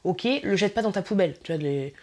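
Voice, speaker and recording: A woman's voice: fast, darkish tone. A young woman, chatting casually to camera as a vlogger, laughing often and using slang. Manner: chatty, laughing, slangy, mimics people with sudden high voices.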